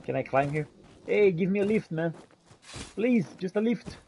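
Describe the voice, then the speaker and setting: A man role-plays in character while playing a fantasy game, trading between theatrical, archaic wording and casual asides. His voice is high, warm, and expressive, at a normal speed. There's a little hiss or hum in the audio.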